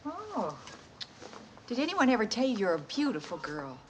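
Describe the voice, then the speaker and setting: An actress playing an effusive, gushing neighbor wife in a 1970s sitcom. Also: female voice, fairly high pitch, huge pitch swings, moderate pace. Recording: hissy 1970s TV broadcast.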